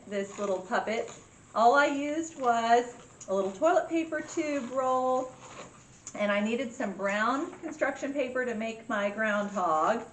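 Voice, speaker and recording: A woman presenting a step-by-step craft tutorial for children, with simple instructions and a cheery children's-host way of talking. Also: a little high. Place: indoor room with echo. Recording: echoey room with faint background noise.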